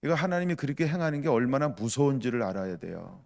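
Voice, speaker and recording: A man's voice: mid-range voice, sing-song, quick pace, creaky, darkish tone. A male pastor giving a conversational sermon, asking the congregation questions and acting out the voices of people in the story. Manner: conversational preaching, acts out voices of the crowd, asks the congregation questions.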